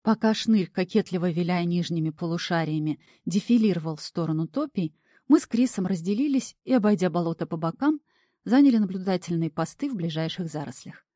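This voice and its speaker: A woman narrating a fantasy story in the first person, animated and playful. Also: on the low side, fairly quick, dry recording, clean studio sound. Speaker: audiobook narrator.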